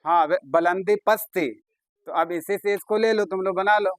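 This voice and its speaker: High-voiced chatty Urdu teacher, dry sound. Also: male voice, steady tone, normal speed, dry recording. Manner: chatty, coaxing, praises students. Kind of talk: classroom lesson.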